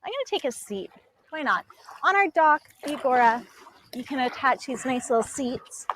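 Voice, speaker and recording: A young adult woman co-hosting a casual live stream from a dock on a lake, chatty and quick to laugh. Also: sits high, very animated, fairly bright tone, a little hiss or hum. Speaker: co-host presenting paddleboards. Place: outdoors on a floating dock on a lake.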